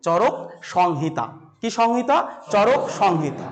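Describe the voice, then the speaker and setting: A man teaching a class to camera, asking questions and answering them himself, and repeating key terms slowly. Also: high voice, very animated. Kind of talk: classroom-style lesson to camera.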